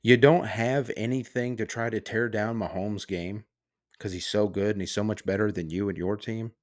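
Male podcast host with a deep voice, heated and mocking solo rant, swears freely. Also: steady tone, moderate pace. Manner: heated, sarcastic, profane.

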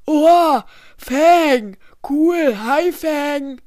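A woman playing a goofy, dim-witted and excitable schoolboy in a homemade story. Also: high voice, extremely slow, dry recording, clean studio sound. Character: dim-witted cheerful boy pupil.

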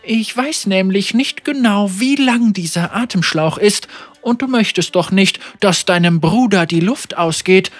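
A man reading aloud and voicing a cool, mocking female pirate bounty hunter in a high, teasing tone. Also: expressive, a little slow, faint music behind. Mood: coolly mocking.

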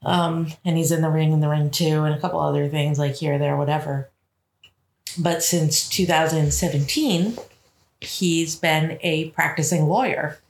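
A woman's voice: low-pitched, fairly even intonation, moderate pace, creaky. A woman co-hosting a podcast, chatting in a laid-back way with dry asides. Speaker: podcast co-host. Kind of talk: casual chat. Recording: roomy echo.

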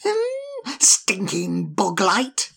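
A woman voicing a sly, spiteful male imp in a storybook, mocking and insulting in a raspy, put-on voice. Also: wildly swooping pitch, extremely slow, a bit bright, exaggerated voice. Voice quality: gravelly, raspy. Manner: mocking, sneering, darts between whispers and shrill taunts. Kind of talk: storybook reading.

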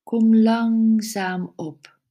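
A woman leading a guided relaxation meditation, giving soft, soothing instructions with long pauses. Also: on the high side, steady tone.

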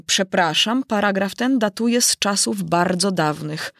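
A woman's voice: mid-range voice, measured pace, vocal fry, fairly bright tone, no room sound, studio quality. Woman putting on a pompous old king.

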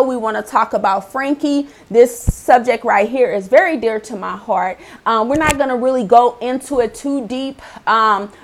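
A woman hosting a faith-based talk show in a chatty, animated way, laughing often. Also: on the high side. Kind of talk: casual faith-based chat.

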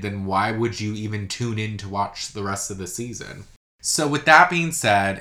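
A man's voice: fairly low pitch, sharp tone, echoey room. A man hosting a casual solo podcast, chatting in a gossipy way with lots of filler words. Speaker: podcast host.

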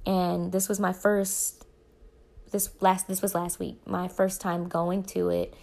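Young woman vlogging, lowish gravelly voice, kinda rambly, keeps correcting herself. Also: little pitch movement, takes it slowly, a little mellow. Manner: rambling, self-correcting, faith-focused. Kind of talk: casual personal storytelling.

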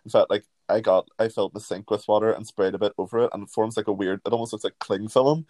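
A man's voice: on the low side, fairly even intonation, fast, a little mellow, no room sound. A young man and drag performer in his twenties, chatting casually on a podcast, laughing often and swearing casually.

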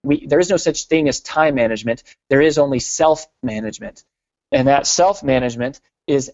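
A man guest on a podcast, explaining his ideas with an energetic, earnest storytelling manner and frequent restarts. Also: mid-range voice, dry recording. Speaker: podcast guest, business author and consultancy co-founder. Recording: dry, slightly dull podcast audio.

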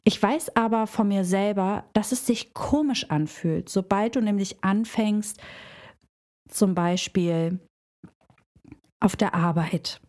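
A woman talks through a self-help lesson in a warm, mellow voice. She speaks straight to the listener, drawing on everyday examples from her work as a hairdresser. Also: medium pitch, takes it slowly. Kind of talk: reflective self-help talk.

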